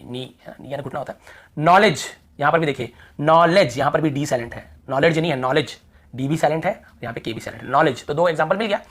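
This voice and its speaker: A man teaching a lesson, repeating rules and example words over and over. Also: a little high. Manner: repetitive, drilling examples aloud. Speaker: English teacher. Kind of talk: classroom lesson explaining rules.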